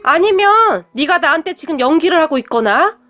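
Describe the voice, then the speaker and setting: A woman's voice: high voice, expressive, normal speed, soft background music. A woman playing a sneering rich mother. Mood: sneering haughty. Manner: sneering, scolding, haughty. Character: rich arrogant middle-aged woman, boyfriend's mother.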